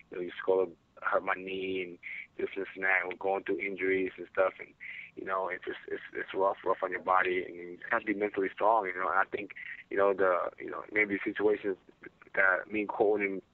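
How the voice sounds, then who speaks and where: A man's voice: sits low, no echo. A man speaking casually as a fighter answering questions on a phone conference call, peppering answers with "you know" and "man". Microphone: telephone. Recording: muffled phone conference line.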